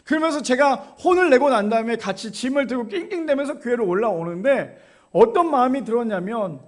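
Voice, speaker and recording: A man's voice: very high-pitched, expressive, fairly quick. A male pastor giving a sermon in a conversational way, often asking his congregation rhetorical questions. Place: church.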